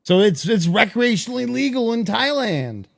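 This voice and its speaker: A man co-hosting a casual podcast chat, excitable and quick to exclaim. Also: extremely high pitch, vocal fry. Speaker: podcast co-host.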